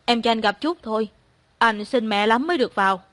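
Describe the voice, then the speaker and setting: A woman voicing a gentle, devoted young man who pleads softly and comforts his girlfriend. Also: a little high, fairly quick, no room sound, close to an everyday voice. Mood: tender, pleading. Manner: soft and coaxing.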